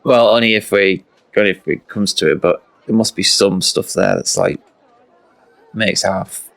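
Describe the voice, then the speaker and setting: A man's voice: lowish voice, normal speed, gravelly, a bit bright, a faint crowd. A man chatting casually as a player in a tabletop game. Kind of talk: casual chat.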